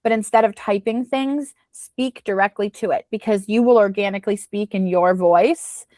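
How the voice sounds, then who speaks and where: A woman's voice: medium pitch, moderate pace, warm tone, no room sound. A woman coach giving chatty, casual advice with plenty of fillers. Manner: chatty, advising, many fillers. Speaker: business coach.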